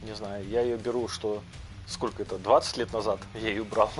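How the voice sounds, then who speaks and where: A man's voice: fairly low pitch, little pitch movement, normal speed. A man talking casually as he plays a game and comments on his matches, with music behind him. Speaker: gamer commenting on own matches. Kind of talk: casual gaming chat. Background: fighting game music.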